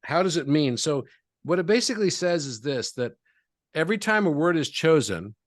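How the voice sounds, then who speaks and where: A man who is a guest in an interview, calmly explaining things and walking through examples step by step. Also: a little high, moderate pace, no echo, studio quality.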